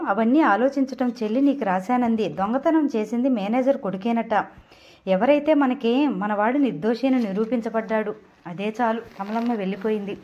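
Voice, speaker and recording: A woman's voice: a little high, darkish tone, highs cut off. A woman narrating a novel aloud and reading all the dialogue, with small slips and self-corrections along the way. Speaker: audiobook narrator.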